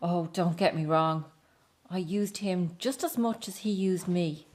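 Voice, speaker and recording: A middle-aged woman performs in a radio drama as an estranged wife and mother who is remorseful, hurt and bitter. Her somewhat low, slightly mellow voice comes out emotional, halting and confessional.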